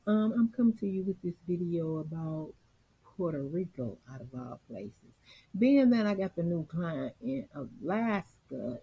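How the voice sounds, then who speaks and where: Exasperated woman with a husky low voice. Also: dark tone, rough recording. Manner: exasperated, talks straight to viewers. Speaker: vlogger and salon coach. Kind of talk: casual screen-share commentary.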